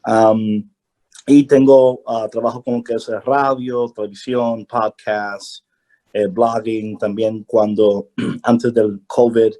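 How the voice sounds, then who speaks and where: Mellow-voiced man from Brooklyn. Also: fairly low pitch, flat delivery, takes it slowly. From Brooklyn, New York, USA. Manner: laughing, slips English fillers into his Spanish. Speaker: media director for a religious order. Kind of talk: self-introduction on a video-call panel. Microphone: video call.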